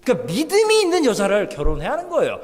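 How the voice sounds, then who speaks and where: Male pastor, high-pitched voice, lively animated sermon, long church hall reverb. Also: very fast. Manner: animated, voices characters in quotes, swings from loud to soft. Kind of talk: lively sermon with acted-out quotes.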